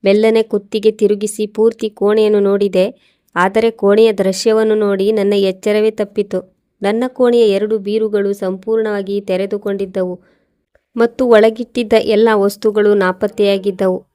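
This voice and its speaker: A woman reading a first-person moral story aloud in a steady, even way. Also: mid-range voice, smooth.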